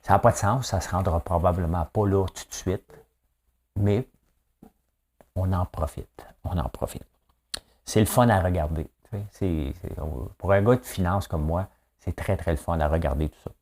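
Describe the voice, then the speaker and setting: Low, mellow-voiced Québécois man commentating. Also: moderate pace. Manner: chatty, tag questions, exclamations. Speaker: morning news commentator. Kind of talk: casual solo commentary.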